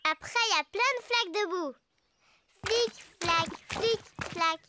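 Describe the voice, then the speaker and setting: Little Peppa Pig, very high. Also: female voice, a little slow, heavy background noise. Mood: happy. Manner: bright childlike chatter, giggly. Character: cheerful little girl piglet. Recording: studio dub over music.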